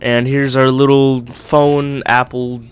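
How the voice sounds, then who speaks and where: A man's voice: mid-range voice, little pitch movement, slow pace, smooth. A young man doing casual let's-play commentary, slightly congested from being sick, talking with a swollen lip. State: getting over being sick. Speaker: gaming YouTuber, host.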